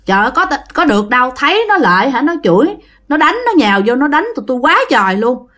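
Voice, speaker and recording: A woman's voice: high-pitched, big pitch swings, fast, fairly bright tone. A woman voicing an indignant male hospital patient.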